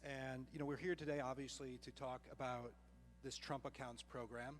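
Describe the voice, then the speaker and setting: A man with an average-pitched voice leads an on-stage interview, smooth and easy, tossing in jokey asides. A faint hum sits under his voice. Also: steady tone, moderate pace. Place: large room with an audience.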